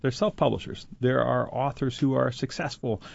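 A man's voice: medium pitch, fairly even intonation, moderate pace, creaky, a little mellow, dull audio. A man being interviewed on the radio as a guest, explaining in a conversational way. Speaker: guest, conference organizer or publisher.

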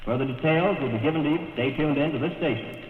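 A man's voice: on the high side, faint music behind. Old newsreel-style male radio announcer. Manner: formal, measured announcing. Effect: old newsreel-style 1940s radio broadcast. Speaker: news announcer. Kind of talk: wartime radio news bulletin. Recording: tinny, echoey archival 1940s radio broadcast.

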